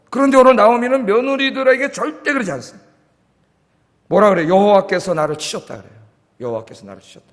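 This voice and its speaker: With a high-pitched, fairly bright voice, a male pastor preaches in a church sanctuary, where a long reverb trails his words. He asks the congregation questions and answers them himself, his phrase endings sinking almost to a whisper.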